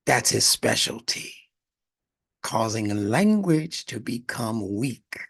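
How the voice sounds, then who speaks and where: Male lecturer, gravelly and a bit husky, emphatic teaching delivery, dry close sound. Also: medium pitch, sing-song, takes it slowly, a bit bright, no room sound. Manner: emphatic, breaks words apart to teach. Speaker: instructor. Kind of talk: spiritual lecture on word origins.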